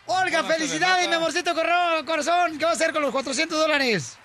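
A man hosting a radio comedy show, playful and fast-talking, shouting catchphrases and teasing callers. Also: very high-pitched. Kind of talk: lively radio comedy banter.

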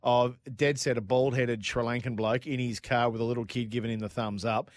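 A man's voice: mid-range voice, flat delivery, brisk, no echo, clean studio sound. A man co-hosting a radio show, joking and reading out listener texts. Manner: jokey, reads listener texts with a laugh. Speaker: radio co-host. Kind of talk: casual radio banter.

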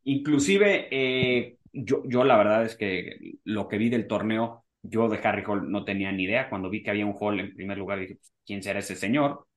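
A man's voice: on the low side, moderate pace, few pauses. A man co-hosting a casual golf podcast, talking in long rambling sentences full of fillers. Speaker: podcast co-host.

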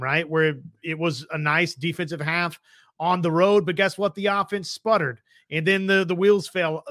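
A man with a forceful, bright voice, pitched a little high, gives sports commentary as a talk show co-host. He is emphatic and likes to check his points with the listener. The sound is close and dry. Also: dry recording. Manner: emphatic, often tags points with "right?".

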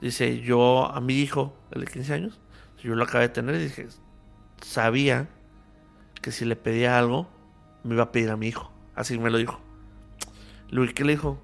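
A man's voice: medium pitch, steady tone, normal speed, gravelly, long pauses, soft background music. A man with a Mexican accent, a podcast guest telling a story in casual conversation and acting out both sides of the dialogue he remembers. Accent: Mexican Spanish.

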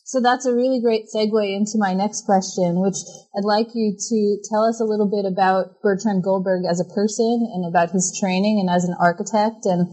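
A woman's voice: mid-range voice, steady tone, brisk, mellow, poor audio. Woman interviewer asking long questions. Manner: fluent, framing long questions. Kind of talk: conversational interview.

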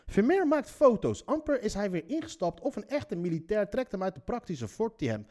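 A man's voice: high voice, big pitch swings, a little fast, dark tone. A man reading a news article aloud and mocking it with sarcastic, sweary commentary.

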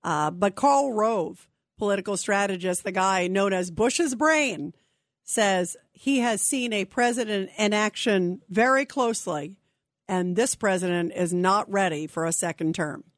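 Her mid-range voice comes through at a measured pace, studio-quality and echo-free. She's a radio talk show host who chats with listeners directly and doesn't hold back her opinions.

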